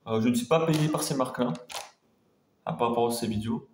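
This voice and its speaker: A man's voice: medium pitch, a little fast. A man chatting casually to viewers as a food-tasting vlogger, talking in a hesitant, rambling way and repeating himself. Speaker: food taste-test vlogger. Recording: roomy echo, faint background noise.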